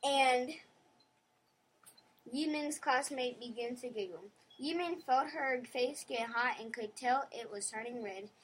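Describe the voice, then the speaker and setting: A woman narrating a children's storybook in a clear, gentle storytelling manner. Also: high-pitched, takes it slowly, a little hiss or hum, rough recording. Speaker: audiobook narrator.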